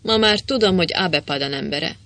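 A sarcastic baron who speaks coldly and curtly, as a male audiobook narrator puts him on. His voice rises a little higher than the narration when he mocks. The tone is impatient and threatening. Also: bright, forceful tone. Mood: mocking. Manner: cold, mocking and curt.

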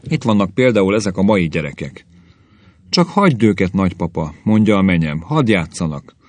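A man's voice: deep voice, animated, no room sound. A man voicing a grumbling old caveman grandfather who rants and complains about the young, in a story reading. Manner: querulous ranting.

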